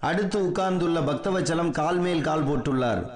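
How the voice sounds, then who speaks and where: A man's voice: a little high, brisk, echoey room, crowd noise. A man reading a scripted narration of political history as the narrator of a column.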